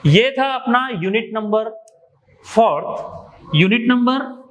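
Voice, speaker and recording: A man's voice: very high-pitched, lively intonation, takes it slowly, fairly bright tone. A man from India giving an exam revision lecture, explaining step by step and repeating key terms. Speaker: teacher.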